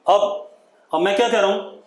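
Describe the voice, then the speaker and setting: A man with an Indian accent teaching physics in an online class, strict and scolding, dictating terms slowly. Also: high voice, roomy sound. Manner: strict, scolding, addresses students as 'beta'; slow dictation of terms, drawn out.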